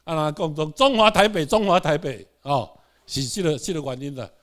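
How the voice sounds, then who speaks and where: A man's voice: on the high side, moderate pace, fairly bright tone. A man with a Taiwanese accent giving a classroom lecture, asking the audience rhetorical questions and having them repeat words. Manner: mixes in English words.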